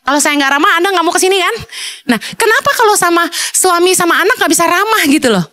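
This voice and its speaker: High-voiced, animated woman preaching. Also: quick pace. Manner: animated and playful, acting out everyday scenes; casual, colloquial preaching. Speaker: pastor. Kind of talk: sermon.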